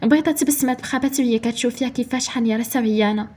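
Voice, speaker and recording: A woman with a Moroccan accent narrating a dramatic story in rapid storytelling style. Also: fairly high pitch, darkish tone.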